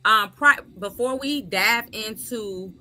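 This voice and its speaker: A woman's voice: a little high, slow, sharp tone. A woman hosting a casual interview, encouraging her guest with frequent affirmations. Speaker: show host.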